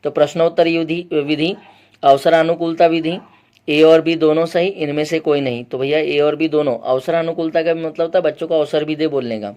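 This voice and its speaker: A male teacher giving an exam-prep lecture, explaining point by point, quizzing his students with repeated questions and often clearing his throat. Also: fairly high pitch, fairly even intonation, moderate pace, a little mellow.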